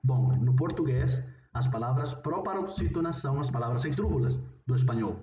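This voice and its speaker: A man's voice: mid-range voice, lively intonation, fairly quick, dark tone. A man teaching a recorded video lesson, talking in a hesitant way with many fillers and restarts. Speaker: Portuguese teacher. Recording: roomy, distant, dull, faint noise.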